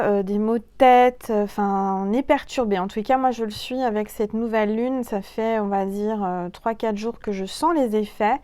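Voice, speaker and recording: A woman gives a relaxed spiritual card reading into her phone. She speaks to the viewer as "you" and fills her pauses with "euh" and "alors". The sound is dry and close, with almost no room around her voice. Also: mid-range voice, smooth, dry recording. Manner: chatty, hesitant, many fillers, addresses viewer directly. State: coughing, throat irritated. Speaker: tarot and oracle card reader.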